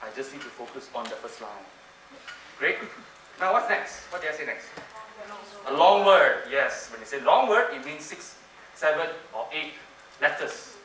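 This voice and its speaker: Man, conference speaker, lively up-and-down voice, playful and repetitive, roomy hall, distant mic. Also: fairly high pitch, moderate pace, long pauses. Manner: playful, repeats phrases, coaxes the audience. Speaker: conference speaker doing a mind-reading trick. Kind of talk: interactive stage talk with audience. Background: audience laughter and room ambience.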